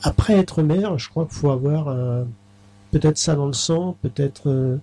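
A middle-aged man, a mayor, answering interview questions in a halting way, with many fillers and restarts. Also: on the high side, warm tone. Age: middle-aged or older.

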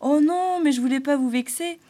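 A woman's voice: sits high, normal speed, warm tone, pitched above the performer's own voice, close to an everyday voice. A woman voicing a cheerful male harlequin spirit bouncing on a spring, exclamatory and eager in a storybook reading. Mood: delighted.

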